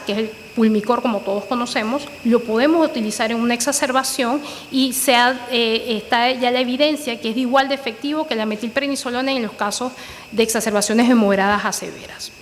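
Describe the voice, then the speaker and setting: A woman's voice: a little high, a bit bright. Woman lecturing in a reverberant room. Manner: explanatory, frequent "eh" fillers and "¿verdad?" tags. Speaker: pulmonologist lecturer. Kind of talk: medical lecture with slides. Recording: reverberant room with faint ambient noise.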